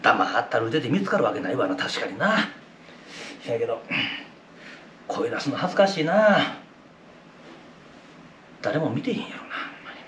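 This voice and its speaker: A hapless, timid husband, as a male storyteller plays him, muttering sheepishly to himself in an Osaka accent. His voice is bright, and the room around him is echoey. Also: mid-range voice, big pitch swings, normal speed, pauses often, distant mic, a little hiss or hum, pitched below the performer's own voice.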